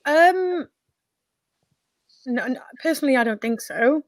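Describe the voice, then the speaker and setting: A woman on a discussion panel, giving her view hesitantly with frequent pauses. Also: sits high, expressive, no echo. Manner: hesitant, many ums and restarts.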